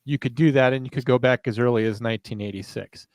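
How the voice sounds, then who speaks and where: A man in his thirties co-hosts a casual true crime podcast. He rambles and jokes at his own expense, with a sarcastic edge. His voice sits at an ordinary pitch and sounds dry and close, with no room around it. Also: steady tone, quick pace, a little mellow, no echo. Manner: sarcastic, rambling, self-deprecating. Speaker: podcast co-host.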